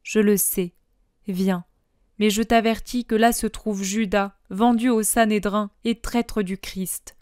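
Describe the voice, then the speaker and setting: A woman reading a gentle, forgiving Jesus. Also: mid-range voice, clear, resonant tone, dry recording, clean studio sound, natural voice. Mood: tender. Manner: tender, measured and calm. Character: gentle merciful male Jesus, calm and forgiving.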